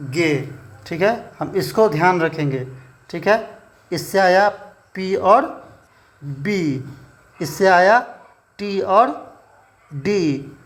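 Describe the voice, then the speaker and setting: Guy teaching shorthand, slow patient explaining, fairly high voice. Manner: slow and explanatory, repeats "theek hai" after each point. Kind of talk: classroom lesson.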